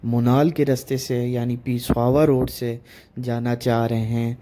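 A man with a Pakistani Urdu accent narrating a travel vlog voice-over in a relaxed, guiding way. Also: mid-range voice, measured pace, noisy background. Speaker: vlogger narrating trip.

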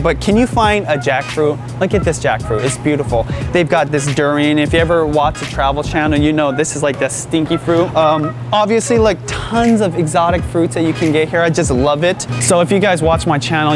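A man in his thirties hosting an enthusiastic grocery store tour vlog, talking straight to camera on a lapel mic. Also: a little high. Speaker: vlog host. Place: indoor supermarket aisles, some shots outside.

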